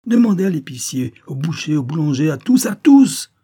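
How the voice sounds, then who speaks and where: A man reading aloud and voicing a fierce old female servant, with shrill, furious outbursts. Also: flat delivery, moderate pace, mellow, lightly acted.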